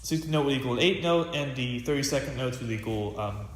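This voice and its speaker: A man's voice: mid-range voice, brisk. A teenage boy giving a casual snare drum practice lesson, rambling with lots of fillers and restarts. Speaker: student percussionist. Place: practice room with a drum pad. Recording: echoey room with loud hiss.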